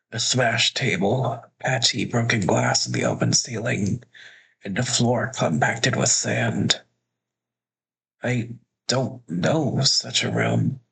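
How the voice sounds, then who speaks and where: A sick man narrating a game aloud as a streamer, reading in a slow, measured way with a raspy, creaky voice. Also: medium pitch, a bit bright, rough recording.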